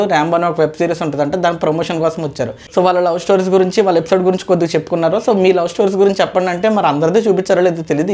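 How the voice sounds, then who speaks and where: Woman reviewer, fast casual delivery, warm mellow tone, acts out quotes. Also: lowish voice. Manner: chatty, re-enacts contestants' lines. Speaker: reality show reviewer.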